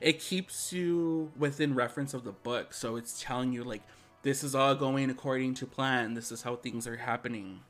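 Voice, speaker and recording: A man's voice: medium pitch, moderate pace, echoey room, faint music behind. Man recapping a horror movie plot. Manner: animated, recaps plot in narration. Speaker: podcast co-host. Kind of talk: casual movie review chat.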